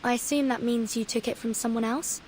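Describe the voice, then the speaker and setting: Thoughtful female traveller for a game actress; measured, lightly teasing, fairly high voice. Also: steady tone, a little mellow, a little hiss or hum, natural voice. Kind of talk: video game character dialogue.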